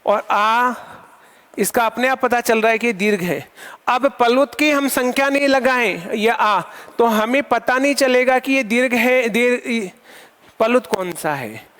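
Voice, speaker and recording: A male Sanskrit teacher delivers a classroom lecture, posing questions and answering them himself while repeating key terms. His very high-pitched voice is unhurried and a bit bright, with long hall reverb on the recording.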